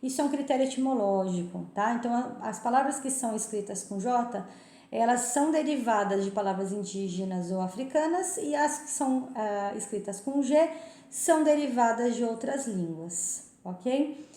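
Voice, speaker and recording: A woman's voice: fairly high pitch, lively intonation, moderate pace, warm tone. A woman teaching a lesson, explaining a textbook chapter and often checking understanding with short tag questions. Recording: echoey room.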